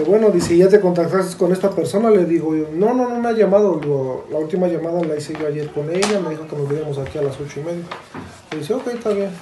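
A woman recounting events in relaxed casual chat, going through each conversation step by step. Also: lowish voice, roomy sound, slight background noise. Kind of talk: casual storytelling.

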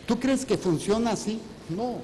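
Priest preaching, high voice, playful jabs at the crowd, long echo in the church, faint rumble. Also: male voice, lively intonation, normal speed, mellow. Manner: teasing, asks the congregation questions and answers them himself. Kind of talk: sermon.

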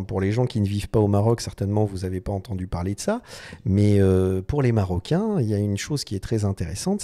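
Male vlogger talking design to camera, mellow, halting delivery with frequent restarts. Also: lowish voice. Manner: hesitant, many fillers and restarts. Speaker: design video host. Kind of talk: casual explanatory talk to camera.

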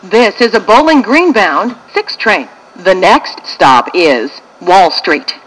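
A woman with an American accent reads scripted train station announcements in measured, formulaic phrases. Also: mid-range voice, lively intonation, a bit bright, low-quality recording.

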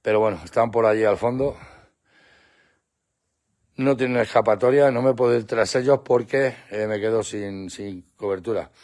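A man hosting a casual live stream with his dogs outdoors at night, talking into a handheld phone and calling to the dogs in a playful, coaxing way. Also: moderate pace. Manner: coaxing, playful, breaks into high excited calls to the dogs. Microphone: phone held in hand.

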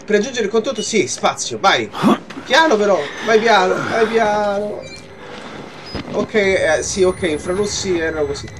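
A man's voice: high voice, lively intonation, a little fast, noisy background. Jumpy young man gaming. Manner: jumpy, swearing, muttering to himself, yelps in fright. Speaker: gaming channel host. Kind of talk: horror let's play commentary.

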